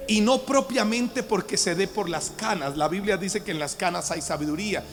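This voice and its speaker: Man, pastor, sermon-style Bible teaching, emphatic, slightly high voice, long hall echo, faint music behind. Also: normal speed, a bit bright. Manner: emphatic, calls on the congregation to respond. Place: church hall with a live audience.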